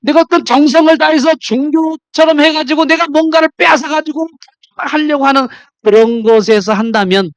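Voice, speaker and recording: A male pastor preaching a sermon, quizzing the congregation directly and swinging between loud emphatic lines and low confiding ones. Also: moderate pace, no room sound.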